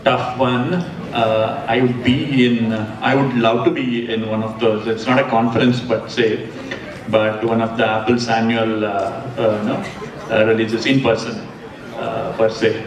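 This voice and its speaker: A man's voice: mid-range voice, little pitch movement, measured pace. Indian man with Karnataka accent, roomy sound. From coastal Karnataka and Bengaluru, India. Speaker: panelist. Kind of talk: rapid-fire question answers at a live event. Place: event hall with an audience. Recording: roomy, distant mic, crowd behind.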